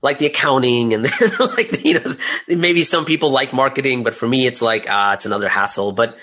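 A middle-aged audio drama creator chats casually as an interview guest, sprinkling his talk with "you know" and "right?". His voice is medium-pitched, bright and forceful, and he speaks fairly quickly.

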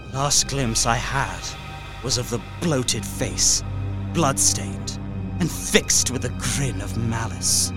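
In a dramatic gothic radio play monologue, a man with a mid-range, fairly everyday voice plays a young Englishman held captive and writing his journal in terror. His delivery is theatrical, intense and full of dread and despair, using deliberately archaic diction. Music plays beneath his voice.

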